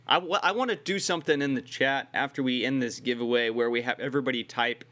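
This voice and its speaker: A laid-back American man co-hosts a gaming stream, rambling casually and chatting with viewers. His voice is bright and forward, sitting at a middle pitch. He sounds like he is talking into a headset on a stream call. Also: fast. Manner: laid-back, rambling, says "like" and "dude" a lot. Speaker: esports stream co-host. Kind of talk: casual livestream chat.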